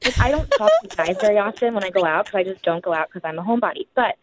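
A woman's voice comes through a phone speaker and sounds slightly distant. She chats casually and laughs easily while telling a story. Her pitch sits in an ordinary middle range. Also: very fast, no echo. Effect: heard over a phone speaker. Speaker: guest on a phone call. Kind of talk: casual chat.

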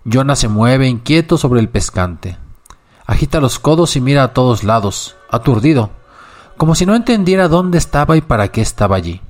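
A man narrating a literary short story in a measured, unhurried reading. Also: mid-range voice, sing-song.

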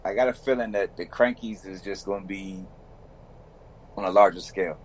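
A man's voice: low-pitched, moderate pace, slight background noise, low-quality recording. A man, a podcast guest talking in a laid-back, colloquial way. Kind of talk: casual chat.

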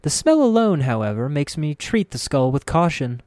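A gentle, wise female healer speaking in a soft, formal and measured way, with a voice raised well above a deep speaking voice, as a male narrator puts her on. The sound is close and dry, with no room around it. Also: big pitch swings, dry recording. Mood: wary curiosity. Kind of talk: audiobook character voice.

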